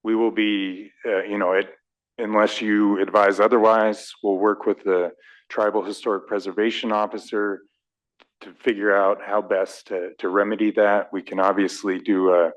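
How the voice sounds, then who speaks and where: Low-voiced hesitant man apologizing. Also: little pitch movement, normal speed, poor audio. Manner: hesitant, apologetic, many fillers. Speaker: railroad company representative. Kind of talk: formal address at a council meeting.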